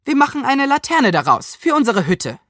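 A woman voicing a clever, sharp-tongued young girl in a storybook, scolding and matter-of-fact. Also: sits high, very animated, normal speed, dry recording, clean studio sound, voice pushed up, heavily acted.

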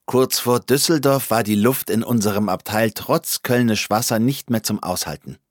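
A man reading a first-person story aloud in a calm, dry, wry storytelling manner. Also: on the low side, moderate pace, no echo. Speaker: narrator.

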